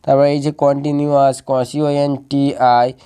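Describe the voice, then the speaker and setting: Guy teaching english words, spells each one out slow, keeps repeating meanings, dark soft voice. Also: mid-range voice, flat delivery, smooth. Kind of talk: spelling and pronunciation lesson.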